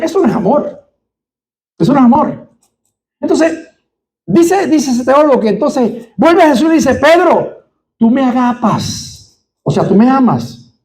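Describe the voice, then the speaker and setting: A man with a high-pitched voice and a Puerto Rican Spanish accent delivers a fervent sermon. He speaks straight to his congregation with rhetorical questions and swells toward near-shouting at the peaks. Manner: fervent preaching, rises to near-shouting at climaxes. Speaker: pastor.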